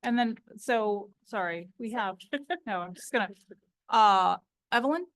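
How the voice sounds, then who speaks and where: A woman's voice: medium pitch, lively intonation, measured pace. A woman chairs a public meeting, calling up speakers by name in brief, polite turns. She thanks each speaker and keeps the proceedings moving. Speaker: board president chairing the meeting.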